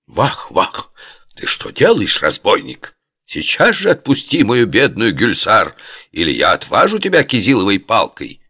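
A man voicing an indignant middle-aged male camel driver in a storybook reading, with shrill, wailing outrage. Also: huge pitch swings, unhurried, bright, forceful tone, husky, exaggerated voice. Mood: scolding.

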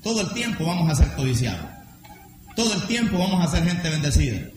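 A man preaching a rousing sermon to a congregation. He shouts out key lines and calls on the listeners to repeat after him. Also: on the high side, very animated, brisk, soft background music. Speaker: pastor. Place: church hall. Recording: very echoey hall with faint noise.

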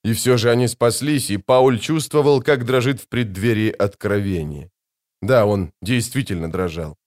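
A man reading a novel aloud as an audiobook narrator, in a measured, dramatic storytelling manner. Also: medium pitch. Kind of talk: scripted narration.

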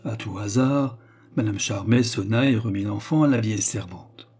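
Husky dark-voiced male audiobook narrator. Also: lowish voice. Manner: measured, even reading. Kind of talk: scripted literary narration.

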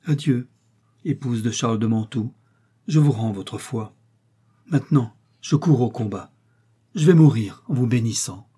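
A man's voice: medium pitch, unhurried, pauses often, mellow, slightly rough. A man voicing a desperate, lovesick young nobleman, pleading in impassioned, declaimed lines. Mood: bitter farewell.

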